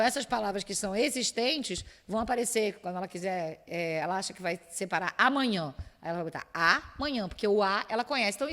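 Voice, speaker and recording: A woman with a Brazilian Portuguese accent giving an academic lecture, explaining step by step and asking rhetorical questions. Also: mid-range voice. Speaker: university lecturer. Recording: long reverb of a lecture hall.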